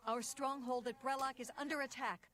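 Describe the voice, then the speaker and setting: A woman's voice: sits high, steady tone, moderate pace, a bit bright. A woman playing a loyal soldier messenger in a fantasy game, formal and urgently pleading. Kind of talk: fantasy game character acting.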